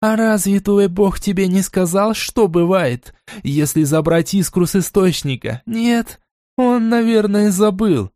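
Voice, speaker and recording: A man voicing a vengeful, scornful female goddess who speaks in a cold, slow, menacing way. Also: sits high, lively intonation, a little mellow, dry recording, studio quality, voice pushed up. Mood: mocking.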